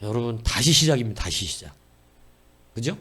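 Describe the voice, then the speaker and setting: A man preaching a sermon in church, telling lively stories with jokes. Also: medium pitch, normal speed, breathy edge. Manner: animated, storytelling with jokes and acted voices. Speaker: pastor.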